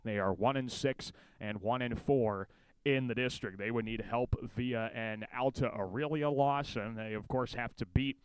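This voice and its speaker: An American man hosts a football pregame show on radio. His voice is smooth and clean, recorded dry, in conversational sports commentary. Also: mid-range voice, normal speed, no echo, poor audio. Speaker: sports director and play-by-play announcer.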